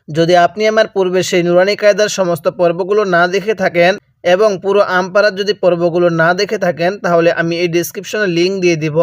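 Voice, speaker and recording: A Quran recitation teacher, a man with a Bangladeshi Bengali accent, leads a slow, syllable-by-syllable lesson. His voice sits fairly high and sounds smooth and clear. The recording is close and dry, with no room sound. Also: no room sound. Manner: patient, breaks words into syllables and has listeners repeat.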